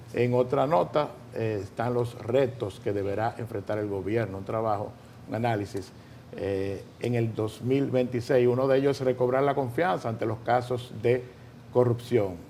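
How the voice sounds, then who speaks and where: A man with a Dominican Spanish accent co-hosting a morning news show in a conversational way, pausing and repeating phrases as he comments. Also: lowish voice, warm tone. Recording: light background noise.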